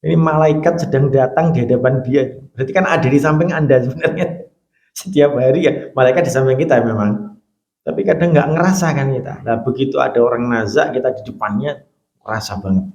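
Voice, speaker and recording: A man with a Javanese Indonesian accent preaching a mosque sermon. He talks animatedly, jumping high for questions and dropping soft and low for hushed examples. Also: a little fast. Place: mosque hall. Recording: echoey mosque hall.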